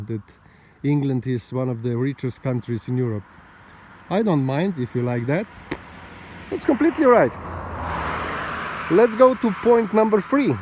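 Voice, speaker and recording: A man with a mellow, darker tone addresses his viewers unhurriedly from outdoors above a valley. He rambles and argues with indignation, drifting between points. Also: mid-range voice, no room sound. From Slovenia. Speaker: vlogger. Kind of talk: casual monologue to camera. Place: outdoors overlooking a mountain valley road.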